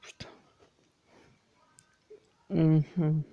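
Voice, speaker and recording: A young man giving casual, crude commentary while playing a mobile game, talking fast and nervously, swearing often. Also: on the high side, little pitch movement, creaky, lo-fi sound. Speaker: mobile gaming YouTuber.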